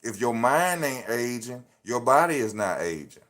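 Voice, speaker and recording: A livestream host in his thirties talks from his phone in a sing-song, fairly bright mid-range voice at a moderate pace. Full of slang, his casual motivational talk repeats its points like a sermon from a preacher.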